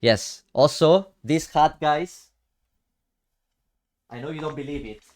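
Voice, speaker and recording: A young Greek Cypriot man from Cyprus streams himself commenting casually on his card game matches and chatting with viewers. His voice is on the high side and he takes things slowly. He's chatty and slangy, talks to chat, and often drops to a mutter.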